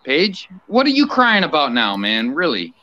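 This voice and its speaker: A man with a bright, highly animated voice teases and needles another speaker. His mic sounds dull and lo-fi. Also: moderate pace. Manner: teasing, needling. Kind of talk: casual chat.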